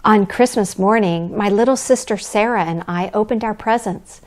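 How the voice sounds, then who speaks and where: A woman playing Mrs. Claus as a kindly storybook reader, gentle and expressive, speaking to children. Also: medium pitch, moderate pace, lightly acted. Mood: gentle storytelling. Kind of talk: children's storybook reading, addressing young listeners.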